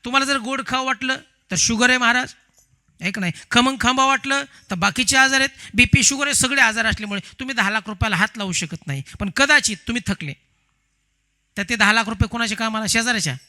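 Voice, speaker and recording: A man preaching a devotional sermon, telling parables in an animated way and asking the audience rhetorical questions. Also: very high-pitched, fast. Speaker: kathakar preacher.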